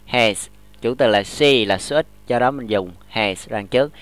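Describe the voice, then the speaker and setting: A man, teaching English grammar in a classroom lesson, explaining slowly and often checking that students follow. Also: mid-range voice, fairly bright tone, clear, resonant tone, no room sound. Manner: models English example sentences slowly.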